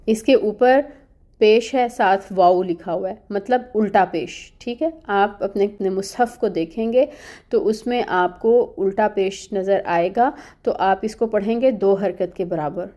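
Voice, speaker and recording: A woman's voice: medium pitch, mellow. A woman teaching Quran recitation rules in an online lesson, explaining each sound patiently and step by step, often checking in with her students.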